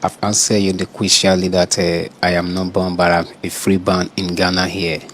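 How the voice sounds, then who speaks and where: A man's voice: low-pitched, flat delivery, moderate pace, fairly bright tone. A man from Nigeria being questioned, answering in a hesitant, evasive way and stumbling over his words. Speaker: interviewed suspect.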